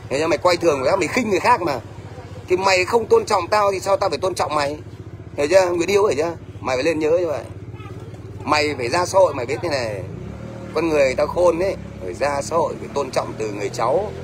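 This middle-aged man has a Northern Vietnamese accent and a voice on the high side, and he talks fast. He's ranting at a livestream commenter, scolding bluntly and repeatedly asking "thấy chưa?" There's faint background noise.

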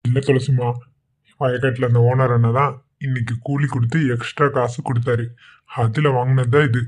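A man voicing a loving, easygoing young village husband in a cartoon, talking in a soft, coaxing way. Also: medium pitch, level tone, fairly quick, close to an everyday voice.

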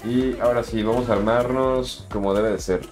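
A man's voice: medium pitch, fairly even intonation, normal speed, darkish tone, faint music behind. A young man with a Mexican accent, casually commenting on his game live and answering chat in slangy, chatty talk. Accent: Mexican Spanish. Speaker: streamer.

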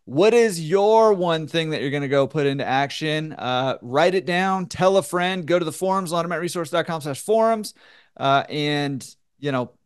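A man's voice: on the high side, animated, normal speed, smooth. A man hosting a podcast, upbeat and encouraging, talking casually with many fillers. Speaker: podcast host.

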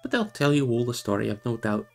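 A man reading aloud and voicing a gruff but kindly older male hobbit farmer with rustic speech. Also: mid-range voice, lively intonation, fast, darkish tone, soft background music.

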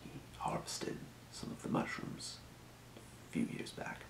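For this ASMR role play, a man becomes a helpful, quietly businesslike fantasy potion shopkeeper of the old world, whispering breathily and unhurriedly while he mutters to himself and calmly explains. The setting is a small indoor room at a desk, with reverberant acoustics and a natural-sounding voice.

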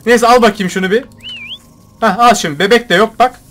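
A young man commentating his own gameplay, joking and shouting at the game characters. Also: high-pitched, a little fast, a little hiss or hum. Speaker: gaming YouTuber. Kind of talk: let's play commentary.

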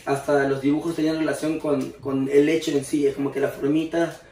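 A man's voice: a little high, little pitch movement, fairly quick, a little mellow. A man hosting a casual interview, curious and chatty with follow-up questions. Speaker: interviewer host. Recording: roomy, distant mic with faint noise.

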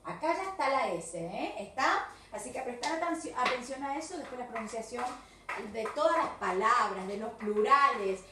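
A woman's voice: fairly high pitch, lively intonation. A woman with a Rioplatense Spanish accent, teaching an English video class to children, mixing English and Spanish, encouraging and repeating words with frequent checks for understanding. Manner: switches between English and Spanish, slow and drawn-out for the children. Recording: echoey room with faint background hiss, from a distance.

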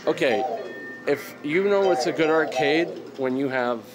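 A man in his thirties co-hosting a casual road-trip vlog, chatty and excitable, filmed on a handheld phone in a car and an arcade. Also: on the high side, unhurried, loud music behind the voice. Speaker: vlog co-host. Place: inside a car, then a loud arcade. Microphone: handheld phone camera at arm's length.

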